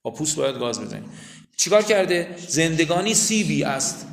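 A man's voice: on the high side, sing-song, vocal fry. A man teaching a literature lesson in a classroom, who explains patiently, repeats key terms and quizzes his students. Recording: echoey classroom recording.

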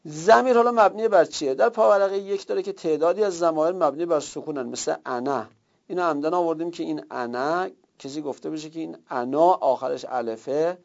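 A man with a fairly high, gravelly voice teaches a classroom grammar lesson, explaining step by step and repeating himself for emphasis. The recording is dull and lo-fi.

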